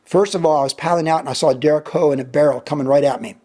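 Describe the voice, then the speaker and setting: A man's voice: fairly high pitch, racing, mellow. A man in his sixties, a former pro surfer and pastor, telling a vivid story as a podcast guest and repeating lines for emphasis. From United States. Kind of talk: animated storytelling in a podcast interview.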